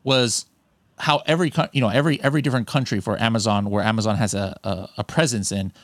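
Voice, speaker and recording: A man's voice: lowish voice, fast talker, dry recording. An American man hosting a podcast from his home studio, chatting casually with many restarts. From United States. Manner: relaxed, rambling with many restarts. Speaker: podcast host. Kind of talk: casual interview chat.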